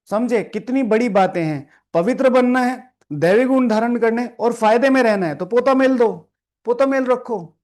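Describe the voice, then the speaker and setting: A man's voice: very high-pitched, moderate pace, a little mellow. A man teaching a spiritual class, reading the lesson aloud and explaining it, scolding the listeners, repeating lines and asking the room questions. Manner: often adds "theek hai" as a check-in. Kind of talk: sermon with explanation to a seated class. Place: meditation hall with a live audience.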